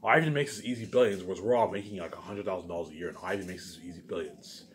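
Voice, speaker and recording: Racing through his words in a low voice, a man talks to his viewers as a video maker. The monologue is casual and wandering, with an insistent, boastful tone and plenty of repetition.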